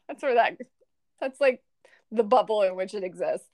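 A woman's voice: medium pitch, animated, a little slow, darkish tone. A woman with a Minnesota accent chatting casually and emphatically as a podcast co-host, in a gushing fangirl manner. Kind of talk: casual chat.

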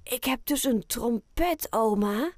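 A woman voicing an excited little boy penguin in a children's audiobook, speaking in eager exclamations. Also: a little high, takes it slowly, no echo, studio quality.

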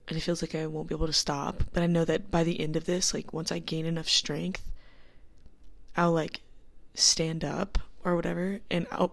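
Young woman, low gravelly half-whisper, rambling giggly podcast host in a dorm room. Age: young adult. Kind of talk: casual solo chat. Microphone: small handheld mic.

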